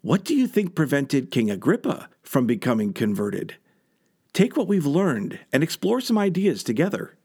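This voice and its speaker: A man's voice: fairly high pitch, sing-song, normal speed, dark tone, breathy edge. A man teaching a scripture lesson in an earnest way, asking reflective questions and explaining the passages.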